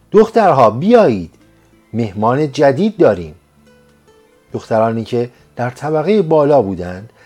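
A man narrating a serialized story as a scripted audiobook, reading in a slow, measured way. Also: medium pitch, mellow. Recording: faint music behind.

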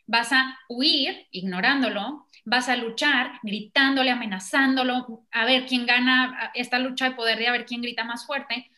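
A woman explaining child tantrums in an animated way, acting out children and parents in quoted voices. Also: a little high, moderate pace, few pauses. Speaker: parenting expert. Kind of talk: explanatory conversation.

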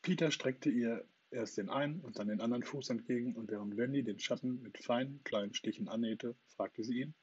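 A man with a husky voice narrating a children's story in a calm, even way, on a dull lo-fi recording. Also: medium pitch, a little fast, hardly any pauses. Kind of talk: storybook reading.

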